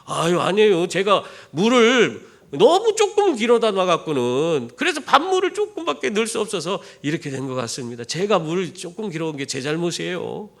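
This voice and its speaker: A man's voice: high-pitched, wildly swooping pitch, brisk, creaky, fairly bright tone, heavily acted. A man voicing a polite, dutiful young husband in a sermon story, speaking earnestly.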